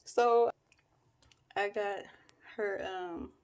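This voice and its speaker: A woman vlogging at home as a new parent, retelling a messy moment in an animated, incredulous way. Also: medium pitch, drawn-out words, clear, resonant tone. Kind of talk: casual vlog storytelling. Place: home, bathroom sink and nursery.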